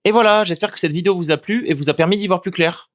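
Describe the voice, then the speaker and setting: A man teaching a language in a scripted explainer lesson, with a clear, steady and upbeat delivery. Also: high-pitched, fast, dry recording, studio quality.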